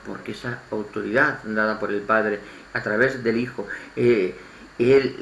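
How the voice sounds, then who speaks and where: Man, Spanish accent, informal sermon, gravelly voice, echoey room with faint ambience. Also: medium pitch, pushed and bright, slight background noise. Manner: halting, repeats words, restarts phrases. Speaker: lay preacher.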